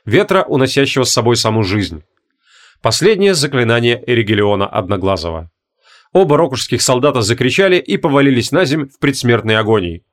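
A man's voice: medium pitch, sing-song, brisk. A man narrating an action fantasy audiobook with dramatic, varied intonation.

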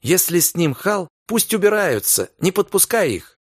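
Frightened young wife, read by a man in a raised, pleading pitch. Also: big pitch swings, moderate pace, breathy edge, no room sound, studio quality, exaggerated voice. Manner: pleading, breathless, fretful.

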